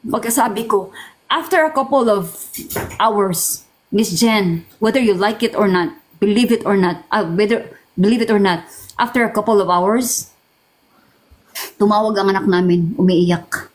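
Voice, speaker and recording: A middle-aged woman from the Philippines giving an emotional personal testimony as an interview guest, pausing, repeating and restarting her words. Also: mid-range voice, low-quality recording. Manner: halting, repeats and restarts words, mixes Tagalog and English.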